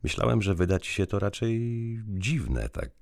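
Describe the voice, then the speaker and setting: A man's voice: low voice, sing-song, normal speed, gravelly, darkish tone, dry recording, studio quality, pitched above the performer's own voice, heavily acted. A man voicing a jealous young man who presses his fiancée with questions, a little flustered and hesitant. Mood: probing.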